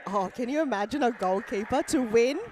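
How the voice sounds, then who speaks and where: A woman giving live sports commentary from a commentary box, excitable and quick to laugh and cheer. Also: fairly high pitch, slight background noise.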